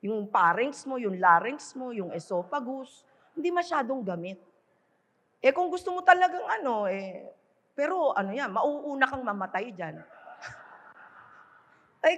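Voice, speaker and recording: A woman's voice: sits high, a bit bright. A middle-aged woman pastor from the Philippines gives a conversational conference sermon, mixing in English and often checking in with the crowd. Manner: conversational, switching between Tagalog and English, often asking "di ba?". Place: large conference hall. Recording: long hall reverb from a conference venue.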